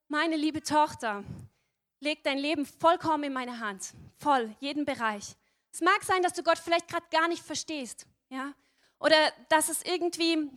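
A woman's voice: high voice, pushed and bright. A woman giving a sermon, earnestly addressing her listeners directly and often adding a questioning "ja?". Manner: tag questions "ja?". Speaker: preacher.

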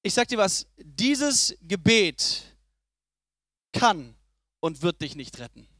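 Young male preacher, very high voice, lively swings from loud to hushed, dry close sound. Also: slow, no room sound. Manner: lively, swings between loud emphasis and soft low asides. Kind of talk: sermon.

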